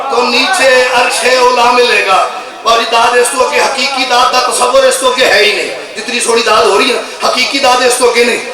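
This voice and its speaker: A man reciting verse at a religious gathering, shouting lines in a chant and dropping to quiet asides. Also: very high voice. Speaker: zakir reciting at a majlis. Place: large religious gathering hall. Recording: echoey crowded hall, far from mic. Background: crowd responding.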